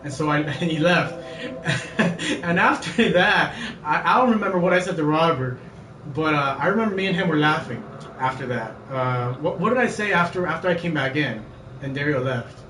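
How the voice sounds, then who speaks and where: A man's voice: fairly high pitch, expressive, normal speed. A young man telling a rambling story while gaming, laughing often and acting out what his friends said. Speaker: gamer telling stories. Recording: roomy, distant, faint ambient noise.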